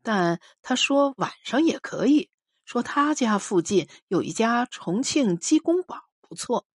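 A woman narrates a literary short story with a slightly husky voice. Her pitch moves freely, rising and falling with the story. The recording is close and dry. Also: no room sound. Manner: expressive, measured storytelling. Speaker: audiobook reader.

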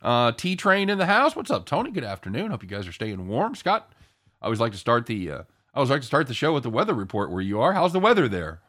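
Animated man hosting a sports betting show. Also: mid-range voice, fast. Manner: jokey, irreverent, swears casually. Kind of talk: casual live show banter.

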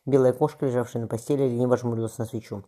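A man's voice: mid-range voice, fairly even intonation, very fast, dark tone. A man reading a historical novel aloud as an audiobook, plainly and with small slips. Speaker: audiobook reader. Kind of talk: audiobook narration.

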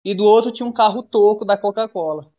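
Over phone-quality sound, a young man with a high voice talks fast as he tells friends a rambling story laced with profanity and full of restarts. He's a guest in this casual storytelling session, calling from a bathroom during an online class.

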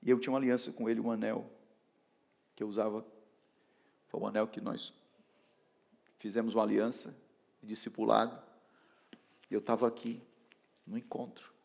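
A man preaching an emotional sermon, swinging from shouts down to hushed near-whispers. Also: fairly low pitch, little pitch movement, moderate pace, creaky, long pauses. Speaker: pastor.

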